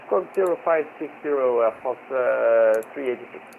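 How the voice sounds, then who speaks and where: A man calls air traffic control as a pilot over a headset radio, his gravelly voice stopping for hesitant pauses. A faint hiss sits under the transmission. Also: mid-range voice, a little mellow, low-quality recording. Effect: pilot's cockpit radio through a headset mic. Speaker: virtual airline pilot on radio.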